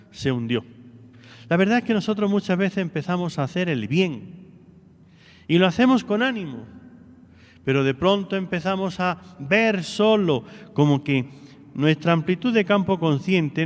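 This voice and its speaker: A man's voice: high-pitched, big-room sound. A priest giving a homily, preaching earnestly and asking his listeners one rhetorical question after another.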